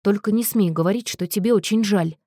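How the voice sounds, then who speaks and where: A woman voicing a gentle, earnest young man who speaks in a soft, measured, reproachful way. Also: medium pitch, no echo, studio quality, natural voice. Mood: firm, reproachful.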